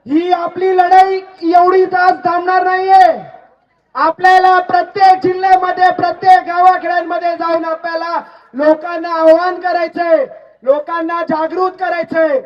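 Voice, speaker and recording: A young man, a political leader and lawyer, giving a steady, declamatory speech at an outdoor protest rally. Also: very high voice. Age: young adult. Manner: chants slogans, then speaks in a steady, declamatory way. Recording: distant, dull rally recording.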